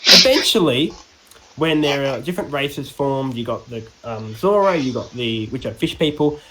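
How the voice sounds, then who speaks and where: A man's voice: medium pitch, expressive, normal speed, crowd noise, low-quality recording. An Australian man co-hosting a podcast, casually recapping game lore in a rambling, joking way with many fillers and restarts. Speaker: podcast co-host.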